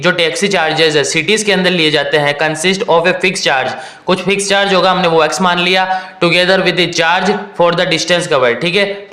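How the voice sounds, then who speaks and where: Bright-voiced man teaching maths. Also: high-pitched, echoey room. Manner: talks students through word problems step by step, reading questions out slowly. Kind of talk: casual Hindi-English maths lesson.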